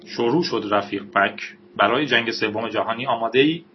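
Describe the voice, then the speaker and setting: Mischievous young hacker guy, teasing and keen, read by a male narrator, low-pitched storybook voice. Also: highs cut off, slight background noise, close to an everyday voice. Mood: playful. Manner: teasing, excited.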